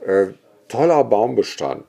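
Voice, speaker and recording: A historian and cemetery expert from the Bergisch Gladbach area of Germany appears as a guest, telling stories vividly and opinionatedly with many asides. His fairly low voice is gravelly, mellow and sing-song, at a measured pace, in relaxed conversation.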